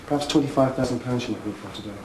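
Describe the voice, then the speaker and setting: A man interviews someone live on location, talking fast and teasing his guest. His voice rings in a roomy space with faint background noise. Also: medium pitch. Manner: jokey, teasing questions. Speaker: TV reporter. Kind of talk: live outside-broadcast interview.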